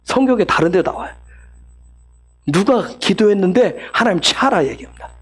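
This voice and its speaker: A man's voice: high voice, lively intonation, moderate pace, husky. A man preaching a sermon, teaching with lots of rhetorical questions and acting out the prayers and replies he quotes.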